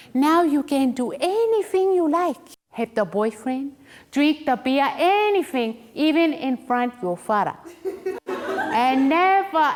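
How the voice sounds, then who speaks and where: Woman doing a naive, cheerful new-arrival woman, broken English, high voice, slow exaggerated cheer.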